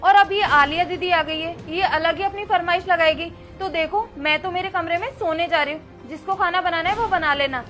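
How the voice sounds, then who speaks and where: A woman's voice: extremely high pitch, moderate pace, few pauses, a bit bright, faint music behind. Woman playing a sassy defiant daughter-in-law. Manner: sassy, dismissive. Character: lazy defiant young daughter-in-law, cunning.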